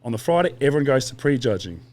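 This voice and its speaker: A man's voice: medium pitch, big pitch swings, rapid-fire, a little mellow. A man, a podcast guest telling long stories in a casual, rambling way with quoted asides and swearing. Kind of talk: casual interview chat.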